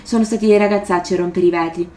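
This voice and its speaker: A woman voicing a witch who softens her husky voice to calm a frightened child, read aloud in a roomy room. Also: mid-range voice, quick pace, lightly acted. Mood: soothing. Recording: roomy echo.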